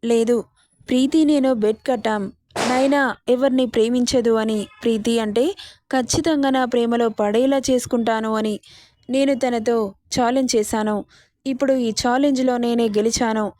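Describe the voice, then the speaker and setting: A woman's voice: a little high, steady tone, normal speed, mellow, dry recording, clean studio sound, natural voice. A woman voicing a young male college student in a spoken story, speaking dismissively. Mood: gloating. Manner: mocking then remorseful. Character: young man, a callous college prankster.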